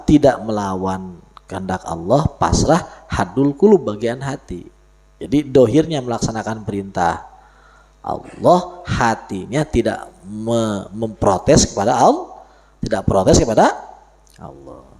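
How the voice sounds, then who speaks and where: Male preacher, gravelly voice, animated swings in pitch, explains and jokes. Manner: explains Arabic text in Indonesian, lively and joking. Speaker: religious teacher. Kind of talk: sermon. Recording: live audio stream.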